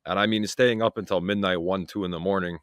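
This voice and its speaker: A young man, a guest talking in an easygoing, relaxed way with many fillers. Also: deep voice, fast talker, no room sound, clean studio sound. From Toronto, Canada. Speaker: guest, freight broker. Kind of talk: casual interview chat.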